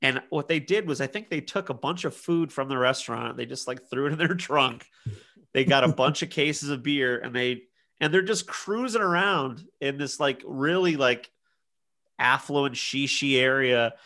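A man's voice: mid-range voice, normal speed. A man in his thirties, a podcast co-host telling a party story in casual chat and acting out the quotes. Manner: animated storyteller, acts out quotes.

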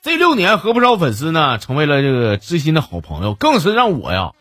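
A man's voice: on the high side, wildly swooping pitch, fairly quick, fairly bright tone, dry recording, clean studio sound, faint music behind. A man with a Northeastern Mandarin accent hosting a comic radio show, telling jokey stories and reading listener messages.

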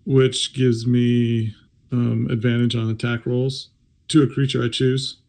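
Hesitant man with a gravelly voice. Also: medium pitch, little pitch movement, a little slow, darkish tone. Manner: hesitant, thinking aloud. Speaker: player. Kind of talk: casual tabletop game play.

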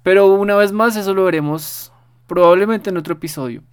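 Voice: mid-range voice, fairly quick, smooth. A podcast host, giving a casual spoken lesson and patiently repeating words for the listener to practice. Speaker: podcast host teaching French.

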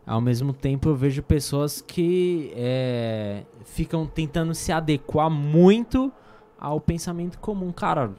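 A man with a Brazilian Portuguese accent in a casual podcast chat, slangy and a little halting as he forms his thoughts. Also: on the high side, warm tone.

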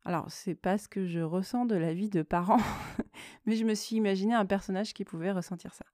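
A woman hosting a podcast, reading her own creative writing and commenting on it in a soft, partly whispered way, with hesitant conversational asides. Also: mid-range voice, steady tone, a little fast, no echo, studio quality. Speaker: podcast host and author.

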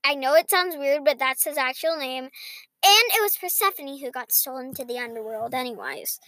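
A woman's voice: high voice, sing-song, normal speed, sharp tone, no room sound. A young girl co-hosting a podcast, chatting casually and reading out quiz questions. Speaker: podcast co-host. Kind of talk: casual podcast chat, reading quizzes aloud.

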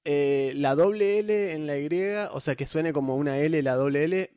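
A young man with a Rioplatense Spanish accent, casually explaining tabletop lore as a podcast host, animated, with frequent restarts. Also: on the high side, normal speed, clean tone, no echo. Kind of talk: casual chat.

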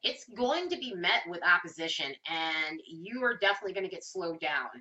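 A woman's voice: fairly low pitch, animated, a little fast, sharp tone, highs cut off. A woman giving a casual astrology forecast with a nasal, stuffed-up voice, as if pinching her nose from a cold, explaining things informally. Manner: informal, explains with everyday examples, occasional swearing. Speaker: astrology host.

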